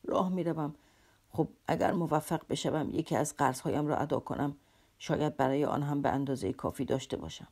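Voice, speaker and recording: A woman voicing a poor, proud army captain in an audiobook, talking feverishly fast with a bitter, mocking edge. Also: low-pitched, a little mellow, husky. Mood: eager. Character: poor, proud, frantic middle-aged male army captain. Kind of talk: audiobook character reading.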